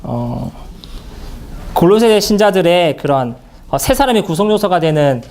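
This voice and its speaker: A man speaking at a church Bible seminar in an earnest, halting way, with many fillers and restarts. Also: sits high, sing-song, a little mellow.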